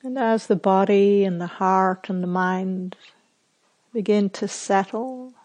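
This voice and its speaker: A woman leads a meditation at a very slow, unhurried pace, her voice at a middle pitch. As a meditation teacher, she offers gentle instructions in brief phrases with long silences in between.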